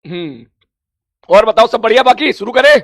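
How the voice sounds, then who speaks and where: Hoarse high-voiced teacher, gravelly. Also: male voice, animated, moderate pace, dry recording, studio quality. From India. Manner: chatty, repeats greetings, laughs often. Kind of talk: casual chat before an online class.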